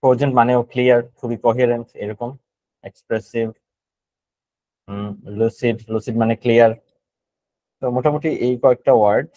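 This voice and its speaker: A man's voice: mid-range voice, steady tone, fairly quick, long pauses, mellow, dry recording, muffled recording. Casual male GRE vocabulary tutor. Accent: Bangladeshi. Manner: casual and thinking aloud, mixing English words into Bengali explanations. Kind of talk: online vocabulary class, explaining word meanings.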